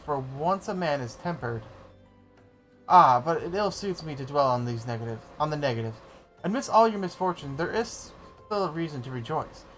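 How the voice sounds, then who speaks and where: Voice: medium pitch, a bit bright, voice pushed up, lightly acted, poor audio. A streamer voicing a suave, roguish male adventurer from a fantasy game, reading dialogue aloud in a theatrical, old-fashioned way.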